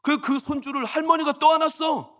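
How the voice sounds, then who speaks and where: Male pastor, 40s; bright, high, very expressive sermon delivery, colloquial, hushed-to-loud swings. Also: normal speed. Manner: swings from hushed storytelling to loud exasperated outbursts; colloquial, chatty preaching with rhetorical questions. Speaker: senior pastor.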